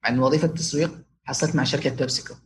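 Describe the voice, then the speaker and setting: A man's voice: mid-range voice, steady tone, rapid-fire. A young Omani man telling personal stories casually as an interview guest, his Omani Arabic sprinkled with English words. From Oman. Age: young adult.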